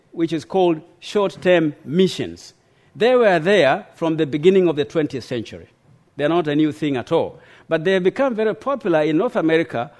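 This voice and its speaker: Man, middle-aged, formal lecture, slightly high voice, measured with hesitant pauses. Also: a little mellow. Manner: measured and deliberate, with frequent hesitations. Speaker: lecturer, mission historian.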